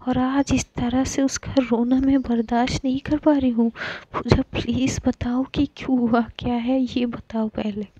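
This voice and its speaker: A worried young woman demands answers in an urgent, insistent way, as a woman narrator puts her on. Her voice is breathy and a little high, and the sound is dull and muffled. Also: mellow, dry recording, close to an everyday voice.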